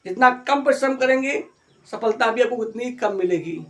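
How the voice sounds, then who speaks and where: This middle-aged man has a very high voice and uses it to teach English grammar, encouraging students and elongating his example phrases slowly.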